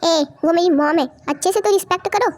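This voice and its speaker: A high voice playing a hot-headed young mafia boss. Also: quick pace. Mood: annoyed. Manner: curt, threatening. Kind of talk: amateur Hindi fan audio drama.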